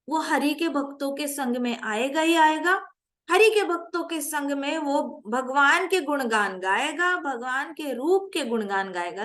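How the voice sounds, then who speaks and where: A woman giving a scripture class in an animated way, asking her listeners questions and mixing in English phrases. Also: sits high. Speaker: spiritual teacher.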